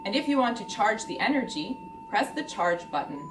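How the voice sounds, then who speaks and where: A woman reading a scripted product tutorial in a measured, step-by-step explanatory way. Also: medium pitch, sing-song. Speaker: instructional video narrator. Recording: roomy, distant, clearly noisy recording.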